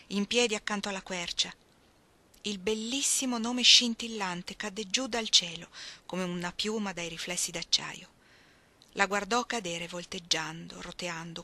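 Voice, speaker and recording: A woman reading a novel aloud, slow and expressive, sometimes dropping to a soft whisper. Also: medium pitch. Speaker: audiobook reader. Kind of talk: literary reading.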